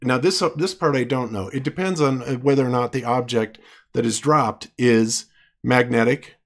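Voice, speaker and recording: A man who is losing his voice, arguing his case in an online debate with halting speech and frequent restarts. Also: mid-range voice. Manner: halting, many restarts and fillers. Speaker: debater presenting evidence.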